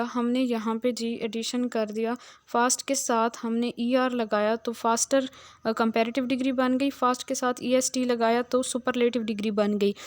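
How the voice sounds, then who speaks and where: Patient woman teacher, even flat delivery. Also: fairly high pitch, dry recording. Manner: patient, explains step by step with frequent "theek hai" check-ins. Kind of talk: recorded grammar lecture.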